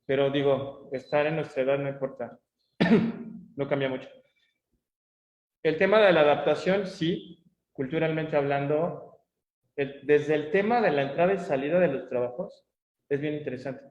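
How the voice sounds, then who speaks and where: A man's voice: a little high, normal speed, long pauses, a little mellow. A middle-aged Mexican man giving a conversational conference talk, telling anecdotes with many tag questions and fillers. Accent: Mexican Spanish. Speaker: conference speaker. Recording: echoey, dull lo-fi room audio.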